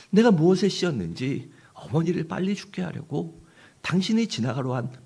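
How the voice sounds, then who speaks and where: A husky-voiced man voicing a remorseful young wife who is crying and confessing in a pleading tone. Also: dark tone. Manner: high, pleading, emotional. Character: remorseful young wife, tearful and guilt-ridden.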